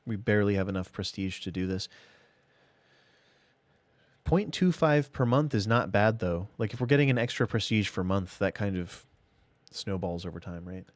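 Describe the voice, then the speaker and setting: Low-voiced man musing over a game. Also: normal speed, dry recording. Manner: thinks aloud, musing to himself. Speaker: gaming streamer. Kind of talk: casual live gameplay commentary.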